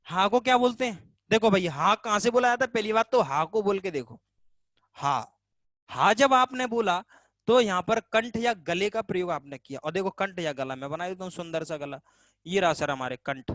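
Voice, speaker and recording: A man's voice: high-pitched, moderate pace, a bit bright, no room sound. A male teacher gives a casual online grammar class, asking the class questions and answering them himself, repeating key terms to drill them. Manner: casual and chatty.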